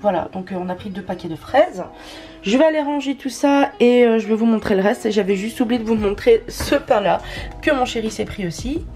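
A woman vlogger talking casually through a shopping haul, pausing often with hesitant fillers. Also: a little high, warm tone, faint music behind. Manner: chatty, many hesitant fillers.

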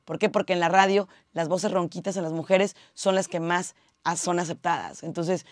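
A woman's voice: fairly low pitch, moderate pace, no echo, studio quality. A woman, a radio host giving upbeat, direct public speaking tips from her radio booth. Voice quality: slightly husky. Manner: upbeat, direct, addresses viewers as family. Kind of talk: motivational tip video. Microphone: studio mic with monitoring headphones.

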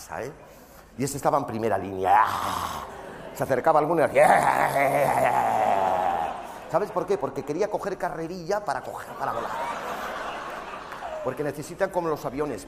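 A man performing a brash, foul-mouthed stand-up monologue on a theater stage, mimicking voices and breaking into shouts. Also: medium pitch. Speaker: stand-up comedian. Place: theater stage before a live audience. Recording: live stage recording with crowd and noise. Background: audience laughter.

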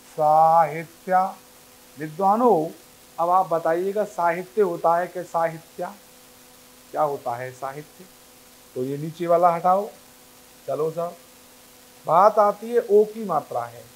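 High-voiced man teaching a slow Hindi lesson. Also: poor audio. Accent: North Indian Hindi. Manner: asks the class questions and answers them himself; repeats words slowly for emphasis. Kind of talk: classroom grammar lesson.

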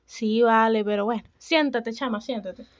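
A young woman with a Venezuelan accent playing a fed-up, short-tempered woman who grumbles and complains with a sharp tongue. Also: on the high side, moderate pace, dry recording, close to an everyday voice. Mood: sassy. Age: young adult. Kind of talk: comedic student film acting. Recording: dull, dry, lo-fi.

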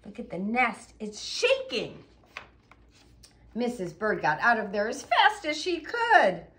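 A woman's voice: a little high, wildly swooping pitch, slow pace, a bit bright. A woman reading a children's picture book aloud, with playful sound effects. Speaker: children's storyteller.

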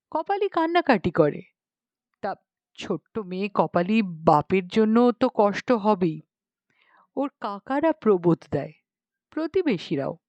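A woman with a medium-pitched, darkish voice narrates an audiobook expressively, telling the story dramatically and acting out the dialogue. The recording is dry and the audio dull.

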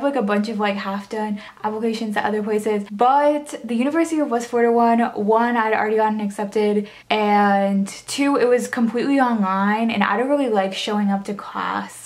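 A young woman vlogging from her bedroom in an informal, casual way, peppering her talk with "like". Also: medium pitch. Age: young adult. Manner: informal, frequent "like". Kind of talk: casual chat to camera. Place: small bedroom, indoors.

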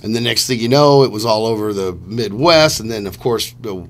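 Fairly low-pitched and slightly bright, this middle-aged man talks at a quick clip. He's a musician on a radio show in a small studio, chatting eagerly and telling stories that wander.

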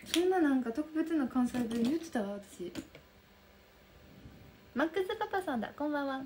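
A young woman with a soft Kansai accent chatting casually on a livestream, reading out and answering viewer comments. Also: sits high, expressive, normal speed, noisy background. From Kansai region of Japan. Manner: soft, bubbly, chatty with frequent laughs. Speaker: livestream host. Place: room lit by daylight.

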